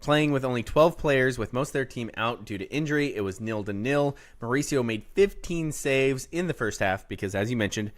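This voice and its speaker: Man, podcast host, casual sports chat, mid-pitched, reads results with jokes. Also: lively intonation, fairly quick, few pauses. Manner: reads out youth soccer results, jokes along.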